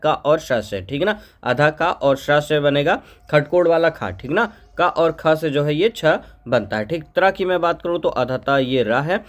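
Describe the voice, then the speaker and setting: हिंदी व्याकरण पढ़ाता शिक्षक, थोड़ी ऊँची आवाज़. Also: male voice, on the high side. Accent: North Indian Hindi. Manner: asks the class questions and answers them himself, repeating letters slowly. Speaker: teacher. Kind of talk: exam-prep Hindi grammar lesson.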